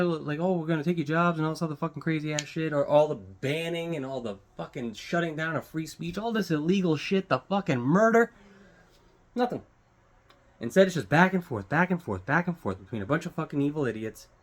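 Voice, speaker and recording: An American man vlogs an unscripted, blunt opinion rant full of heavy swearing, repeating phrases for emphasis. His voice runs on the high side and sounds a bit bright.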